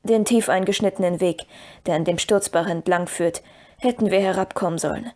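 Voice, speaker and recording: A watchful male ranger speaks calmly and in measured phrases, voiced by a woman reading an audiobook. His tone is grave and steady. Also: on the low side, close to an everyday voice.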